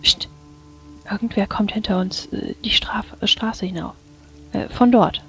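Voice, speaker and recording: A woman playing a tabletop game in whispered role-play, giving a hushed, urgent warning. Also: mid-range voice, unhurried, soft background music.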